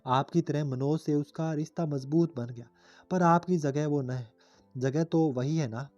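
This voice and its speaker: A man voicing a caring young woman speaking softly to her brother. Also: fairly high pitch, measured pace, no echo, dull audio, faint music behind, close to an everyday voice. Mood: gentle.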